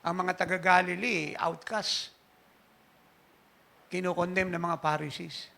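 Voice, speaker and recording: Guy preaching at church, really gravelly and sharp sounding, tells stories and laughs along. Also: high voice, unhurried. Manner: animated anecdotal preaching, laughing at his own story. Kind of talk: storytelling sermon. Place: church service.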